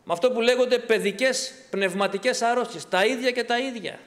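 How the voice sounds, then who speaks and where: High-voiced man preaching in a reverberant hall. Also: a bit bright. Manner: impassioned preaching with rhetorical questions. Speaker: pastor. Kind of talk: sermon.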